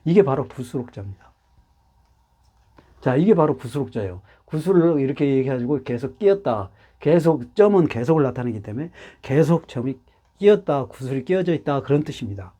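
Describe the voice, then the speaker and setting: Lively low-toned man teaching characters. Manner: explains patiently with many repetitions. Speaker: Hanja teacher. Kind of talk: lively lecture explaining Chinese characters.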